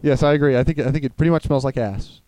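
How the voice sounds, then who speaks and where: A man's voice: medium pitch, quick pace, darkish tone, slight background noise. A young man telling a rambling, crude, joking story in casual chat.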